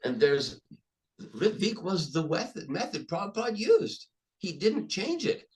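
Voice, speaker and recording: A man's voice: high-pitched, unhurried, poor audio. Older man telling stories emphatically. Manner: emphatic, animated storyteller with repeated restarts. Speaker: podcast guest. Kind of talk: conversational interview storytelling.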